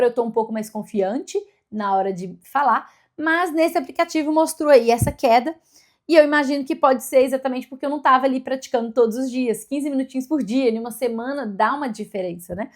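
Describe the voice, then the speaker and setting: Woman vlogger, fairly high pitch, upbeat and chatty, restarts her sentences often. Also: brisk. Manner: chatty, self-correcting, upbeat. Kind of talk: casual vlog talk to camera.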